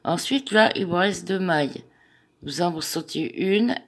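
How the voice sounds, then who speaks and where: A woman walks viewers through a crochet pattern step by step, chatty and hesitant, counting each stitch aloud. She speaks slowly and unhurriedly, and her voice has a gravelly edge. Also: fairly low pitch. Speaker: crochet tutorial host. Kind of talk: step-by-step craft tutorial.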